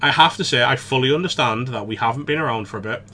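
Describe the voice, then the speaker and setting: A man co-hosting a casual gaming podcast, chatty and rambling, quick to laugh. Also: medium pitch, pushed and bright, slight background noise. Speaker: podcast co-host.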